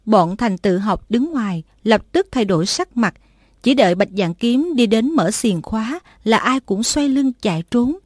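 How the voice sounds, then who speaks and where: A woman reading a martial arts novel aloud as an audiobook narrator, in a steady storytelling manner. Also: a little high, normal speed, dry recording, studio quality.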